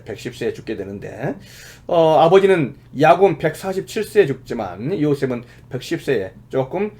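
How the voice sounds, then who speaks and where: Male pastor, sermon delivery, a bit high-pitched, very expressive intonation. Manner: explanatory preaching with many fillers, rising emphatically at key points.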